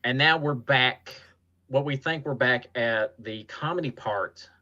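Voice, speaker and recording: A man hosting a casual podcast chat, his voice bright and forceful. He retells scenes with animation. The recording sounds dull and lo-fi. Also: medium pitch, measured pace. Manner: animated retelling with acted quotes. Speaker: podcast host.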